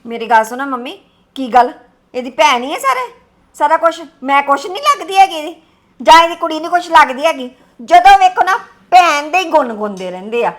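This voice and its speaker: A woman playing a quarrelsome young wife in an amateur family drama, with a very high voice. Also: sing-song, a little fast. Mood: aggrieved. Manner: quarrelsome, complaining. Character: sharp-tongued young wife, jealous of sister-in-law. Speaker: daughter-in-law in a family drama.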